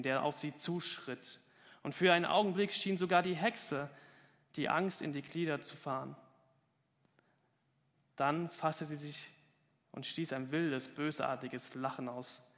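A man's voice: fairly high pitch, a bit bright, big-room sound. A man reading a story aloud with dramatic emphasis during a talk.

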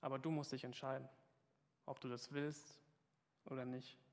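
A man's voice: mid-range voice, flat delivery, moderate pace, big-room sound. A man preaching a sermon and reading a parable aloud, earnest and questioning, talking straight to his congregation.

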